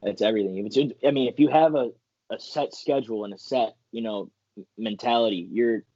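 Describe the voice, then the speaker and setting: Speaking a little fast in a fairly low voice, a young adult college wrestler from Michigan spins animated stories during a casual interview. He acts out quotes and leans heavily on "like," and the lo-fi audio has no echo.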